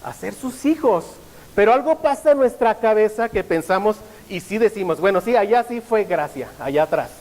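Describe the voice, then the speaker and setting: A man's voice: high voice, lively intonation, moderate pace, a little mellow, in a large hall, low-quality recording. A male pastor preaching a sermon, often stopping to ask the congregation rhetorical questions.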